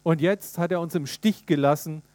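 A man's voice: fairly high pitch, moderate pace, darkish tone, dry recording, close to an everyday voice. A man reading out the lines of a despairing young man who doubts and protests, in a raised, strained, pleading voice.

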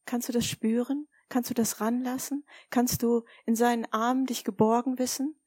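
This woman's voice is husky and on the high side, with little pitch movement and a moderate pace, recorded without echo. In her sermon she shares stories warmly and asks the audience questions directly.

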